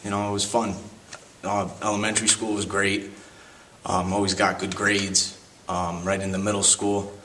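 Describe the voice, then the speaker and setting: A man's voice: fairly low pitch, level tone, normal speed, fairly bright tone, recorded from a distance, a little hiss or hum, low-quality recording. A man in his twenties from Connecticut, fondly reminiscing in a casual way for a documentary. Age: 20s. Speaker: interviewee. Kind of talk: documentary testimony.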